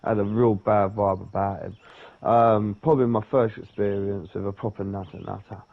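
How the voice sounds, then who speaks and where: A man's voice: on the low side, fairly even intonation, moderate pace, vocal fry. A man telling a long story in casual chat, rambling and swearing, often checking in with "yeah?". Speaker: podcast co-host. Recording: dull lo-fi sound.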